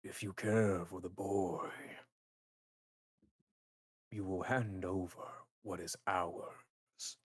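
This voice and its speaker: Man putting on a slow, possessed demonic eldritch entity. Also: low-pitched, fairly even intonation, breathy edge, dry recording, clean studio sound, full character voice. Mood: demanding menace. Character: monstrous eldritch demonic entity, ominous and demanding. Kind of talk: tabletop game villain voice.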